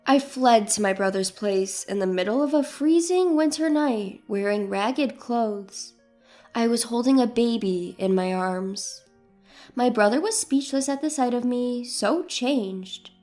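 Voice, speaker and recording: A woman in her twenties narrating a story in the first person with a steady, even delivery. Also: fairly high pitch, unhurried, soft background music. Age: 20s.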